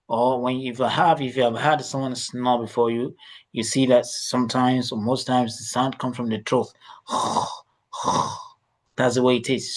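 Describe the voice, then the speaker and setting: Casting: male Arabic teacher, patient and repetitive, coaches pronunciation in an online lesson. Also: mid-range voice. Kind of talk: online class instruction.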